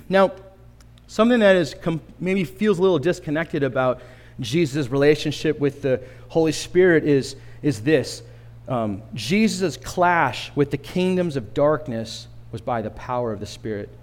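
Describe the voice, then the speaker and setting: Conversational man preaching, a bit high. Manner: conversational and humorous, asks the congregation questions. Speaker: pastor. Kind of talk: sermon.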